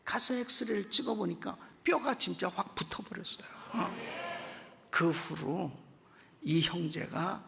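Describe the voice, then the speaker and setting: A man preaching as guest pastor at a revival meeting, telling a story in an animated way and acting out its people, at times bursting into loud exclamations. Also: high-pitched, measured pace, vocal fry, noisy background. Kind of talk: sermon storytelling. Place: church sanctuary. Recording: echoey church hall.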